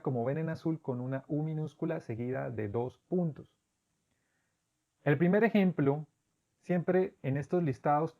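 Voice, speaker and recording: A man whose first language is Spanish, patiently teaching English pronunciation step by step and repeating sample words slowly. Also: medium pitch, lo-fi sound. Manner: patient, methodical, drawn-out demonstration words. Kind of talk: instructional explanation.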